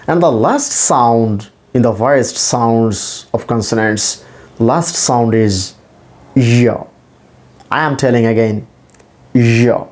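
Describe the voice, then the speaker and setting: A native Bengali speaker with a Bangladeshi accent, this man teaches English pronunciation in a deliberate, repetitive, demonstrative way. His voice sits at medium pitch with a darkish tone.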